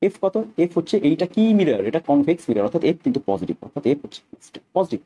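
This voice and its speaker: A man's voice: fairly high pitch, very animated, fast talker, warm tone, slightly rough. A man with a Bengali accent teaching a physics lesson, talking through each step aloud, repeating phrases and asking his students questions.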